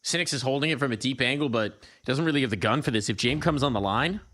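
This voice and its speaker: A man's voice: medium pitch, quick pace, fairly bright tone. A man giving live esports play-by-play commentary, making dramatic, declarative calls in clipped phrases. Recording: clear game noise, gunfire and clicks. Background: game gunfire and clicks.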